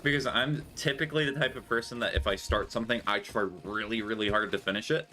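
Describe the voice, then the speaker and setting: A man's voice: mid-range voice, fairly quick, sharp tone, faint music behind. A young man chatting casually and musing aloud while he streams a game, given to mock-dramatic remarks. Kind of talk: casual gameplay chat.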